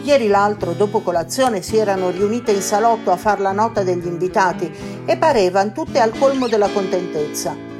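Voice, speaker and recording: A woman's voice: medium pitch, a little fast. Woman reading a storybook over guitar. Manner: expressive, mock-earnest. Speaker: audiobook narrator. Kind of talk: storybook reading in a boy's diary voice. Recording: guitar music behind voice.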